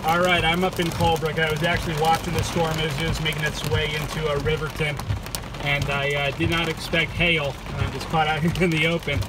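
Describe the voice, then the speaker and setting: A man with a high voice talks from a car as hail comes down. He chats and reports like a radio operator. The mic is distant and the pelting rain and hail are very loud around him. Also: flat delivery, fairly quick, very noisy. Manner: speaking up over a loud hailstorm. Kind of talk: in-car storm vlog and radio chat. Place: inside a car in a hailstorm. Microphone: handheld phone in car.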